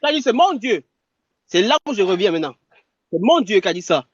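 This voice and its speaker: A man in a heated online religious debate, halting and restarting, who keeps pleading for the other man to listen. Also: sits high, big pitch swings, dry recording, dull audio.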